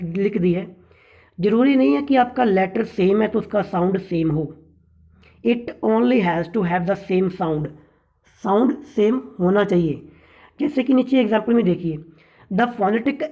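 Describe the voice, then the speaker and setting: A man teaching an exam-prep lesson on English literature, with a mellow, warm tone. He explains each point step by step and keeps checking that his listeners follow. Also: sits high, poor audio.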